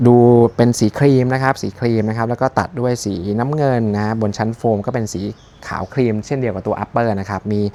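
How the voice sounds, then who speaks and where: Male shoe reviewer, easygoing and jokey, slightly low voice. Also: darkish tone, a little hiss or hum. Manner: chatty, jokey, thinks aloud with many fillers. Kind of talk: casual unboxing chat.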